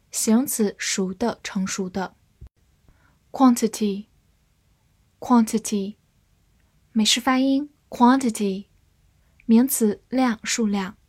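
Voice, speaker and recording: Slow, mellow woman reciting vocabulary. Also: fairly high pitch, no echo. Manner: reads each word twice, then its part of speech and meaning. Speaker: English vocabulary teacher. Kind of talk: slow word-list recitation.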